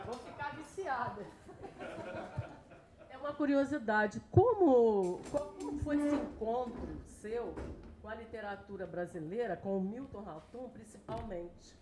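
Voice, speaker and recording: A woman's voice: on the high side, animated, a little slow, background noise. A woman in the audience asking a curious, rambling question, rephrasing it several times. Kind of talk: panel Q&A.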